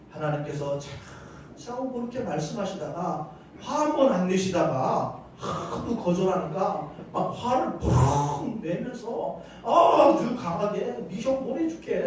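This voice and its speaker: A man's voice: high-pitched, darkish tone. A male pastor preaching a sermon, telling the story animatedly and asking the congregation questions. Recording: echoey church hall, distant mic, faint noise.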